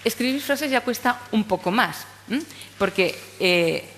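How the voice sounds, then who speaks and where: A woman's voice: on the high side, lively intonation, unhurried, a bit bright, a little hiss or hum. A woman from giving a talk on speech therapy to teachers, explaining step by step and checking in often with "¿vale?" and "¿eh?". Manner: explanatory, frequent tag questions. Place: conference hall. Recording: long hall reverb.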